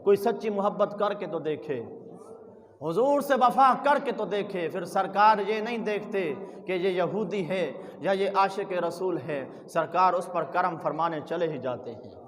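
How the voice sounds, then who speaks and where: A man preaching a sermon with passion, his voice climbing into shouts and chanted lines. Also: high voice. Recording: long hall reverb.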